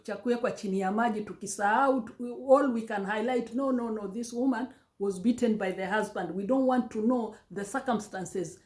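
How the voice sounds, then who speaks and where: A woman with a Kenyan accent giving emotional commentary on a story, pleading and impassioned, often stammering and restarting her sentences. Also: fairly high pitch. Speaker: vlogger. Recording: roomy echo.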